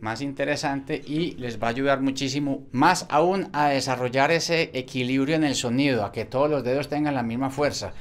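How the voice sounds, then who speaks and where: A man's voice: medium pitch, moderate pace, hardly any pauses. A man teaching guitar technique, explaining each step patiently and often checking in with "ok?". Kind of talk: instructional explanation. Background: loud guitar playing.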